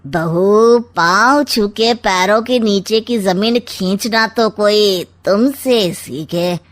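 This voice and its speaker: A woman's voice: medium pitch, slow pace, close to an everyday voice. A woman doing a sly scheming uncle. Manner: sly, drawling, teasing. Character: scheming middle-aged uncle, sly trickster.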